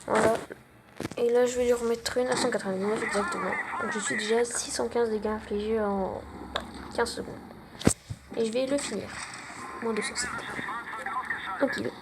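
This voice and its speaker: A woman's voice: a little high, fairly even intonation, normal speed, pauses often, very noisy. A young woman giving casual, self-mocking gameplay commentary, full of gamer slang. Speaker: gaming channel host.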